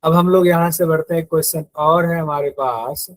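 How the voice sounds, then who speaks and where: Guy teaching yoga theory online, keeps repeating terms and quizzing the class, slightly high voice, dry mic. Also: fairly even intonation, normal speed, dry recording, rough recording. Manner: explains step by step, repeats key terms, quizzes students. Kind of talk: live online exam-prep class.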